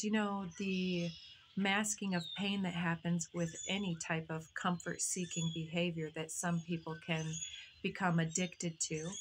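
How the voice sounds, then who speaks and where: A woman giving a meditative spiritual talk as a reader, channeling in a slow, meandering way and searching for her words. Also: on the low side, slight background noise.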